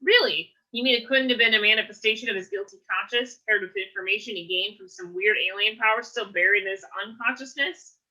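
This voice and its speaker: A woman's voice: medium pitch, fairly quick, few pauses, pushed and bright, rough recording. A woman reading aloud, voicing a cryptic, teasing teenage boy who is a ghost. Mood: wry musing.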